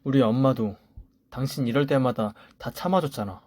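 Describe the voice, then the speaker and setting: A defensive young husband cuts his wife off with curt, reproachful lines, as a man reads the part. The voice is an ordinary middle pitch, dry and close. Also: moderate pace, a little mellow, no room sound, lightly acted. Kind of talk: story radio voice acting.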